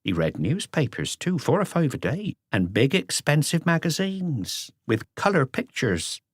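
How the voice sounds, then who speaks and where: Pitching above his natural voice in an exaggerated, very animated way, a man speaks a little slowly with a breathy edge as an elderly mother in an audiobook. She is sharp-tongued, wary and proud of her son, muttering defiant retorts in a wistful, proud mood. The sound is dry, clean studio quality, on the high side.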